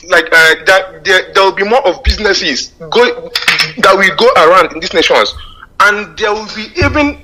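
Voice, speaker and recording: Male caller, phone line, halting with lots of fillers, high-pitched, very bright tone. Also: a little hiss or hum. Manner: halting, frequent fillers and repeated words. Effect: heard over a phone line. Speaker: radio call-in caller. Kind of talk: earnest call-in comment.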